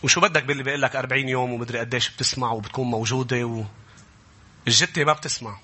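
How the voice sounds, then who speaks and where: A man preaching a sermon, building to impassioned, shouting passages as he retells scripture. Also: mid-range voice, fairly even intonation, very fast, breathy edge.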